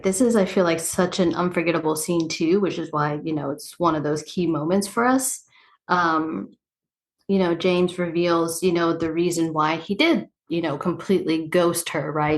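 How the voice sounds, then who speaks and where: A woman with a somewhat low voice hosts a casual podcast conversation. She walks through scenes in a loose, chatty way, with frequent filler checks like "right?" and "you know". Her delivery is relaxed and conversational. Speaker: podcast host. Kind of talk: casual chat recapping a show.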